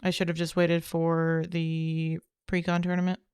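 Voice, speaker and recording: A woman's voice: on the low side, completely flat delivery, measured pace, darkish tone, clear, resonant tone, no echo, clean studio sound. A woman streamer chatting casually after a game, rambling, trailing off and correcting herself as she goes. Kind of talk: casual chat while gaming.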